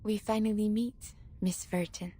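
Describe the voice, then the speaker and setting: Woman doing a mellow, refined madame. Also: medium pitch, steady tone, breathy edge. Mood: smooth composure. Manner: measured, formal, polite. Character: refined, composed, outwardly gentle powerful madame.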